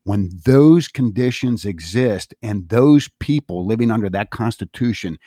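Insistent low-voiced man, dry sound. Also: animated, unhurried, dark tone, no room sound. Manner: insistent, repetitive, speechmaking. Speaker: political commentator. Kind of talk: monologue commentary.

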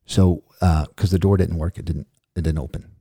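Low, dark-voiced male podcast host. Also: fairly even intonation, normal speed, slightly rough, no echo, clean studio sound. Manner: rambling, jokey, goes off on tangents. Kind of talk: casual chat.

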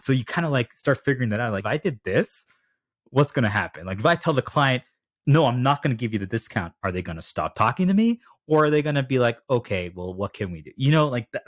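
A man's voice: mid-range voice, no room sound, clean studio sound. Talkative man hosting a podcast. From United States. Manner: talkative, rambling, animated storytelling. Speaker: podcast host. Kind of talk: casual podcast interview.

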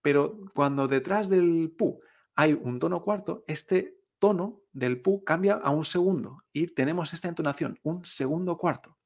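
Slow, gravelly man teaching tones. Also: fairly high pitch, darkish tone. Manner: drills words slowly, checks in with "¿eh?". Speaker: Chinese pronunciation teacher. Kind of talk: slow, deliberate language lesson.

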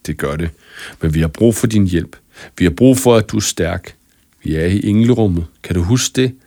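A man's voice: low voice, warm tone. A man voicing a brave young girl who insists and urges in a raised voice. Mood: gentle, steady. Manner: urgent, insistent.

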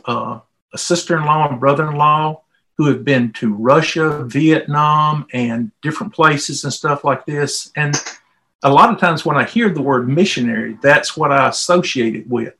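A middle-aged man's medium-pitched voice sounds creaky yet fairly bright, marked by a Southern US accent. As a volunteer interviewee, he tells personal stories in an informal, folksy manner.

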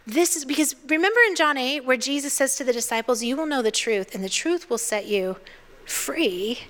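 Middle-aged woman preacher, bright high voice, playful asides, hushed emphasis, reverberant hall. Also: moderate pace. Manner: expressive, playful asides, drops to a hush for emphasis. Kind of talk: sermon.

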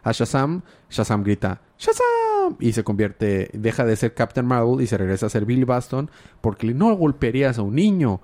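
A man co-hosts a relaxed comic book chat. He rambles through the plot, stumbling over filler words and chuckling as he retells the scenes. His voice sits at an ordinary middle pitch. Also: brisk. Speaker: podcast co-host. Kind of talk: casual comic book discussion.

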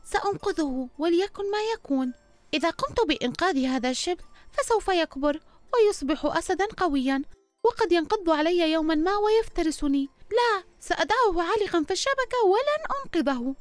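A woman's voice: very high voice, animated, fairly quick, dry recording, soft background music, voice pushed up. A woman voicing a timid male rabbit who frets anxiously to himself. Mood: fretful. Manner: anxious, fretful self-talk. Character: timid male rabbit, later old and slow.

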